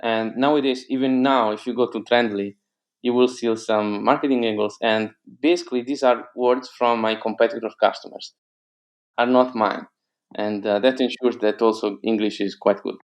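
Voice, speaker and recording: A man with a mid-range voice speaks at a moderate pace with fairly even intonation. He is an Italian native speaker with an Italian accent, appearing as a guest entrepreneur in a casual interview, hesitant and full of fillers and restarts.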